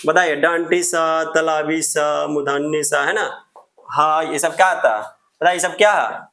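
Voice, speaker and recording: A man's voice: on the high side, unhurried, fairly bright tone, reverberant. A man teaching a grammar lesson. He repeats and drills each term and answers his own questions in a student's voice.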